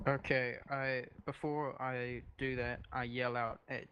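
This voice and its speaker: A man's voice: mid-range voice, flat delivery, unhurried, clean tone, muffled recording. A man playing a tabletop game, talking bluntly and swearing casually. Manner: blunt, profane. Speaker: player.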